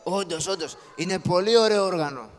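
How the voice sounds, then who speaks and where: A man's voice: high voice, faint music behind, lightly acted. A man voicing a scrappy, poor comic father in a live shadow-puppet show, bossy and teasing as he scolds his children. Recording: echoey hall, live show.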